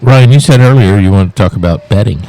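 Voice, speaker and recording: Deep-voiced man with dry teasing humor. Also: quick pace, dark tone. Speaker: podcast co-host. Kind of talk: casual chat.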